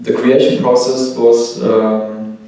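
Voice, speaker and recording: Flat-voiced man, echoey hall. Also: medium pitch. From Germany. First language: German. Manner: measured, flat delivery with fillers. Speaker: band member, guest. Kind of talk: casual panel interview. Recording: echoey hall, distant mic.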